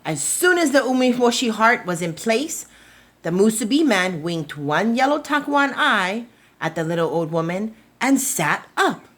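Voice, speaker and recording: A woman with a fairly high voice reads a children's picture book aloud as a storytime reader. Her delivery is expressive and deliberate, in a storytelling manner.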